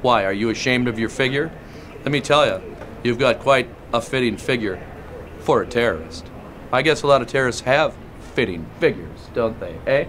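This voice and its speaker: A pushy airport security guard who grills travelers with heavy sarcasm and a mock-official tone, as a male comedian plays him. His voice sits at an ordinary middle pitch for a man and sounds like everyday speech. He talks in a leering, interrogating comic style. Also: expressive, moderate pace, a bit bright, slight background noise, lightly acted. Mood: sarcastic. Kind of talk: comedic character monologue.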